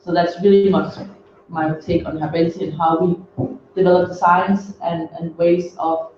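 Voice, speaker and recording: A man's voice: high voice, flat delivery, moderate pace. A man introducing his work at a conference session, hesitant and restarting phrases. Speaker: workshop participant. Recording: roomy, muffled, faint noise.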